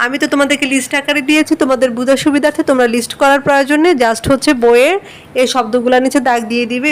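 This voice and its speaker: A woman from Bangladesh teaching an online English class, patiently spelling out words and explaining their pronunciation. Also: high-pitched.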